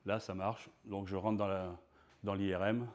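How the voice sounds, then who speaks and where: A man giving a performed storytelling talk on stage, conversational and self-mocking, halting with restarts. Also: sits low, flat delivery, a little mellow. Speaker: speaker. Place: stage before an audience.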